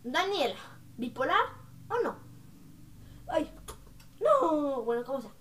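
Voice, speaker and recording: A woman's voice: high voice, very animated, takes it slowly, fairly bright tone. A young girl vlogging casually to camera, chatty and mocking as she acts out what her classmates say. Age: young, school-age.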